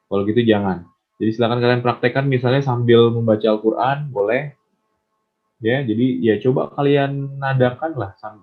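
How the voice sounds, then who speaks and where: A man teaching public speaking in an online class, encouraging and asking his students questions. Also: mid-range voice. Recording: tinny phone-like line.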